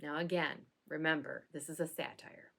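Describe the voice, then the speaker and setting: A woman pastor talking casually to camera in a satirical vlog, with a dry, deadpan sense of humor and occasional laughing asides. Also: low-pitched, moderate pace, gravelly.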